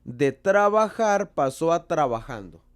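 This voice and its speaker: Colombian guy teaching a class, slow and careful, slightly high voice, quizzes himself as he goes. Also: very animated, clean tone. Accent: Colombian Spanish. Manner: slow and deliberate, asks and answers his own questions. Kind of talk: explaining a lesson.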